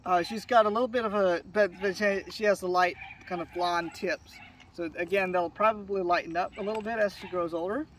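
A hoarse man, a dog breeder, presenting puppies in a fond, rambling way with many fillers and restarts. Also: high voice, steady tone, brisk, fairly bright tone, recorded from a distance, a little hiss or hum. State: hoarse from sinus trouble. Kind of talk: casual on-camera puppy showcase.

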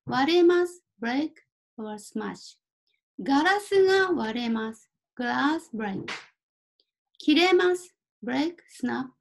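A woman teaching Japanese, reading vocabulary words one at a time and clearly pronouncing each for learners to repeat. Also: high-pitched, lively intonation, rough recording. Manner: clear deliberate word-by-word pronunciation. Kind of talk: slow vocabulary drill lesson.

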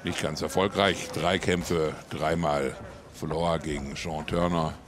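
A man giving live boxing commentary for television in measured short phrases with pauses between them. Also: a bass voice, fairly even intonation. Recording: loud arena crowd and noise. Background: crowd and arena noise.

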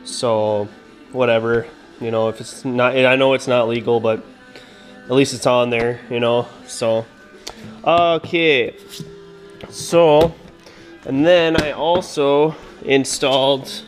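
Young guy from Minnesota, unhurried and casual, full of ums, filming his own sled tour on a head-mounted camera in a garage. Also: mid-range voice. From Minnesota, USA. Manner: relaxed and unhurried, many "uh" and "um" fillers. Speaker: snowmobile vlogger. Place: indoor garage workshop. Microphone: head-mounted action camera.

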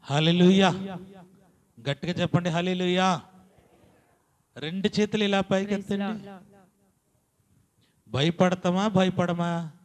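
A man's voice: high voice, fairly even intonation, a little slow, long pauses. Male preacher, fervent church sermon, urging the congregation to answer back. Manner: call-and-response preaching, rising to loud exhortation. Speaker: pastor. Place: church hall.

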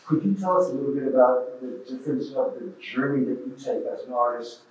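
A man's voice: mid-range voice, animated, a little fast, a little mellow, highs cut off. A man in the audience of a museum talk, earnestly asking a long question. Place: museum auditorium. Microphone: far from the mic. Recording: distant, echoey hall audio.

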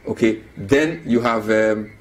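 A man with a Ghanaian English accent, a political analyst arguing his point on a live TV panel in a studio. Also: on the low side. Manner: argumentative, lists names quickly. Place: TV studio with city view.

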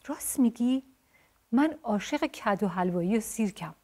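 A woman's voice: medium pitch, animated, darkish tone, pitched above the performer's own voice, natural voice. A woman voicing a blunt, spirited short-haired tomboy girl in a told storybook tale. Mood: lively chatty. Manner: blunt, quick-tempered, then chatty.

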